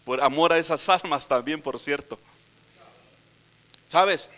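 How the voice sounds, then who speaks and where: High, bright-voiced Mexican preacher. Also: male voice, slow. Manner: storytelling preacher, shifts from quiet retelling to loud exhortation. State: tired. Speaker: pastor. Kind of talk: sermon.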